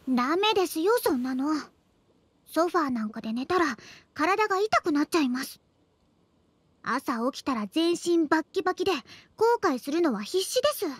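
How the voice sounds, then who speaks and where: A woman's voice: high-pitched, no room sound. An actress playing a teasing, clingy schoolgirl in love, in sweet, intimate pillow talk for an audio drama. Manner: sweet, coaxing pillow talk with whispered asides.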